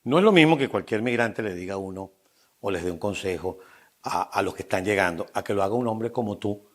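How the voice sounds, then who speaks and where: A man's voice: fairly low pitch, brisk. A man hosting an interview, asking questions in an affirming, rhetorical way. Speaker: interview host.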